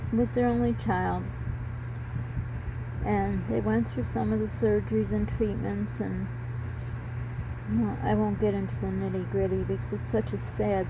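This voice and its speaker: A steady fan noise runs clearly behind a middle-aged woman. She speaks at a medium pitch in short, broken phrases, as if thinking aloud while sharing personal reflections. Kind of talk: unscripted, reflective personal talk. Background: electric fan running.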